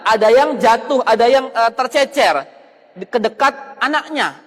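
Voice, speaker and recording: A male preacher telling a story as a sermon, talking in an animated way and often turning to his listeners directly. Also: extremely high pitch. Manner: animated, keeps addressing listeners as "Pak". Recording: long hall reverb.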